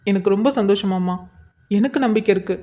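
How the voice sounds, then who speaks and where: Woman playing a drained young brother-in-law, sincere, mid-pitch, lo-fi. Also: fairly even intonation, fairly quick, warm tone, faint music behind, close to an everyday voice. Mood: weary. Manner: weary, sincere. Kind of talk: cartoon voice acting.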